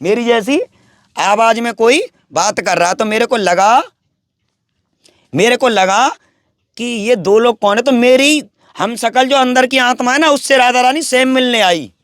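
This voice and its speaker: A man's voice: very high-pitched, measured pace, a bit bright, dry recording, clean studio sound. A man, a wandering holy man, talking at length about spirits and devotion in a boastful, preachy way. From Braj region, India. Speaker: wandering sadhu interviewed. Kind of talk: rambling spiritual talk.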